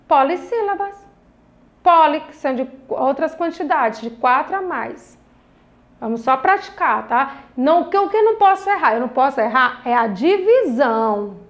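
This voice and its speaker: A young Brazilian woman teaching a recorded lesson to children, patient and encouraging, drawing out each syllable of words. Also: high-pitched. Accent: Brazilian Portuguese. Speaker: primary school teacher.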